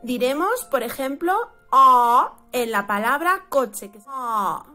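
A woman from Spain teaching English pronunciation, drawing out each example word slowly. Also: high voice, expressive, a bit bright, soft background music. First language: Spanish. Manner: slow, drawn-out model words. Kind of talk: pronunciation lesson.

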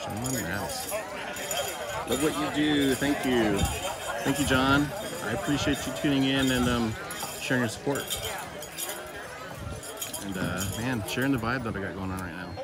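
A man's voice: mid-range voice, measured pace, pauses often. A man hosting a casual livestream outdoors, talking in a laid-back, friendly way into a phone. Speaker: livestream host. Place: outdoors on a grassy field at a gathering. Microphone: phone held by the speaker filming.

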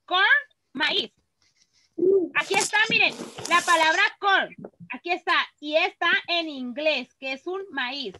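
The rough recording carries a little hiss or hum. On it, a woman with an extremely high, pushed and bright voice and a Mexican Spanish accent teaches children, patiently reading each word aloud slowly and clearly.

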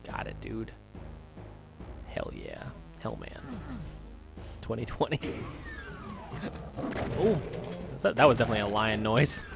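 A man's voice: on the low side, wildly swooping pitch, takes it slowly, creaky, long pauses, over music. A young man co-hosting a casual gameplay commentary, rambling and joking with frequent laughs. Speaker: co-host of a gaming channel.

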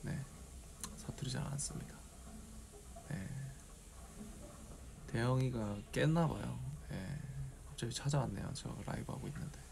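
This is an idol in his 20s running a casual solo livestream from a dim room late at night, using a phone camera at arm's length. Drowsy and meandering, he mumbles to himself in a regional Korean dialect accent. His medium-pitched voice is gravelly and a little slow, with long pauses and background noise.

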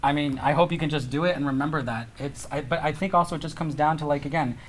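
An earnest man seated ringside explains his approach, pausing and restarting as he searches for words. His voice sits slightly high, with faint noise in the gym. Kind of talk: casual sit-down interview.

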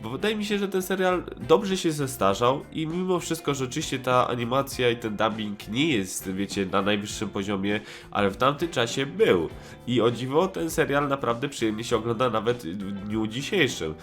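A man in his 20s hosts a nostalgic cartoon review show, delivering a casual, rambling review full of hesitations, slang, and frequent self-corrections. His mid-range voice is expressive and fairly bright, moving at a moderate pace. Music plays behind him in the recording.

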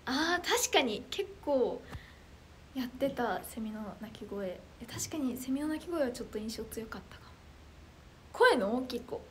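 This young livestreamer reads her viewers' comments and chats casually, getting bubbly and excited in response. She speaks at a moderate pace in a high, anime-like voice that's loud, clear and carrying, with slight noise in the background.

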